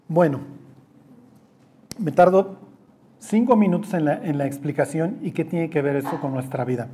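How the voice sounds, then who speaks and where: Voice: mid-range voice, measured pace, long pauses, mellow, slight background noise. A Bible study teacher, who leads an interactive class, jokes, teases the group, quizzes them and acts out quoted voices. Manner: joking, teasing, quizzes the class.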